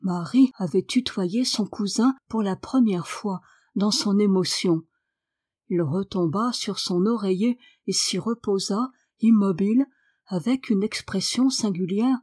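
A woman narrating a novel in a calm, measured audiobook reading. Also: mid-range voice, breathy edge, no echo, studio quality.

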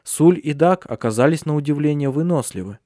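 Expressive male audiobook narrator. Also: fairly high pitch, no echo, studio quality. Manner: expressive, measured reading.

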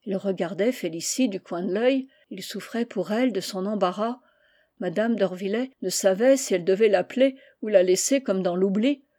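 Woman reading a classic novel, mellow. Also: medium pitch, moderate pace. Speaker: reader. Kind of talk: audiobook narration.

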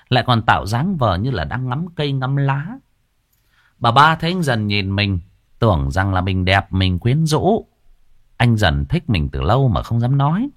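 A man narrating a ghost story in a lively way. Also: lowish voice, dry recording, studio quality.

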